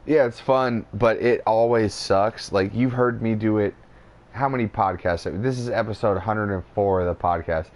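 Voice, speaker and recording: A man's voice: fairly low pitch, moderate pace, darkish tone. A man hosting a podcast in casual chat, teasing his co-host, swearing and laughing often.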